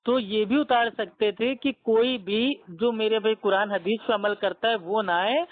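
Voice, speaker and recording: A man's voice: high-pitched, steady tone, unhurried, no room sound. A man talks steadily through a tinny, phone-like line, his voice dry and close with no room around it. He argues his case patiently, stacking up simple everyday examples to make his point. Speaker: debater questioning the other caller. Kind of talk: religious debate over a phone call.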